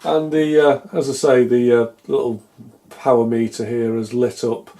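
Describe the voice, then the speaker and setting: Working at the bench of a small home workshop, this middle-aged British presenter and repair hobbyist chats unscripted through a hands-on fix at normal speed. Relaxed and dark in tone, his average-pitched male voice carries a musing, dryly humorous, self-mocking manner.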